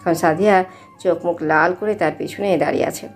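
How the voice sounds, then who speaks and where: A young woman narrating a romantic audio story in a steady, unhurried way. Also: on the low side, faint music behind.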